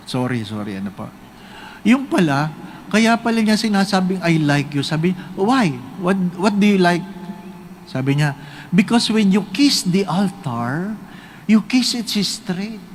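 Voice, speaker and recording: A Filipino priest preaches a humorous homily, his fairly high voice leaping up and down as he tells jokes. He keeps asking his listeners rhetorical questions, with a faint hum behind him. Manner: joking, animated storytelling with rhetorical questions.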